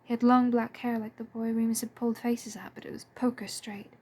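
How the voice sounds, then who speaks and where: A woman reading a story aloud in a soft, breathy and hushed way. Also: a little high, level tone, fairly quick. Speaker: fan audiobook reader. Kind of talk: storybook narration.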